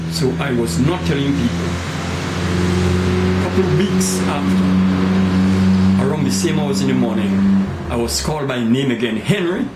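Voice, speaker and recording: A very old man in his nineties with a Tobagonian accent, telling his life story in an interview in deliberate, earnest phrases with pauses. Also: mid-range voice. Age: 90s. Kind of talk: oral history storytelling with scripture quotes. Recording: echoey room with faint background noise.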